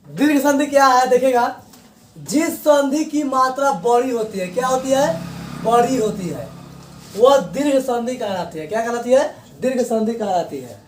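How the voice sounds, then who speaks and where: A man's voice: very high-pitched, a little hiss or hum. A man teaching Hindi grammar, repeating each point as a question and answering it himself. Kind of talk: classroom grammar lesson. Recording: echoey room, voice from far off.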